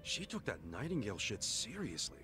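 A brash, expressive street guy. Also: lowish voice, brisk, soft background music, heavily acted. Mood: concerned, probing. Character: brash, loyal adult street guy, blunt and friendly. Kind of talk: English video game drama acting.

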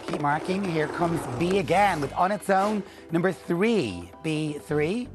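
A middle-aged man presenting a TV bingo draw in a clear, measured, scripted style. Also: fairly high pitch, animated. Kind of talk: scripted game-show presenting, calling out numbers. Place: TV studio. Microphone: lapel mic. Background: music.

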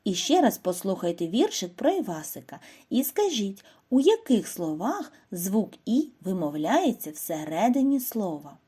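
A woman narrates a lesson for young schoolchildren, talking slowly and clearly and pausing for questions. Her voice is mellow and a little husky, and her pitch moves a lot. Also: big pitch swings. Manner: slow, clear, instructive delivery with questions to children. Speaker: primary school teacher. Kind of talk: scripted lesson narration for first graders.

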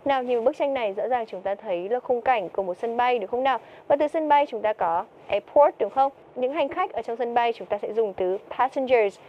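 A woman's voice: on the high side, brisk, hardly any pauses, highs cut off, a little hiss or hum. A woman teaching TOEIC vocabulary, who keeps asking her students questions and answering them herself. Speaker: English teacher.

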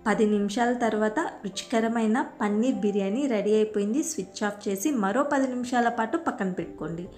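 A woman with a Telugu accent, host of a home cooking channel, narrating a recipe voice-over with steady step-by-step instructions. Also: mid-range voice, fast talker, faint music behind.

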